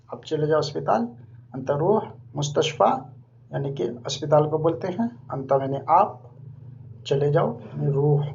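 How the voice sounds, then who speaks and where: A man giving an informal vocabulary lesson, repeating each word slowly several times. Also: fairly high pitch, gravelly, darkish tone. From India. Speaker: language teacher. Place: living abroad in Saudi Arabia. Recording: dull lo-fi recording with faint hum.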